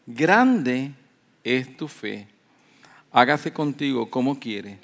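A man preaching a sermon, moving from calm teaching to loud emphatic peaks and acting out the voices of people in the story. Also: mid-range voice. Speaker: pastor.

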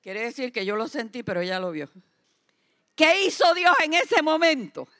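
A woman preaching a sermon to a church service. Her voice sits high, and she builds to loud, emphatic declarations that she repeats for weight. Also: big pitch swings, normal speed.

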